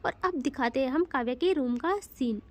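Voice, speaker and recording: A woman narrates a romantic audio story in a casual, chatty way, dropping conversational asides to the listener. Her voice sits high. She reads close to the mic. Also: lively intonation, moderate pace.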